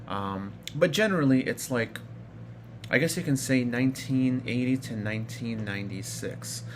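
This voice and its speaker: With background noise audible, a man in his thirties from Iraq talks at a normal speed in a mid-range voice. He's vlogging about his personal experiences casually, circling back and using plenty of fillers.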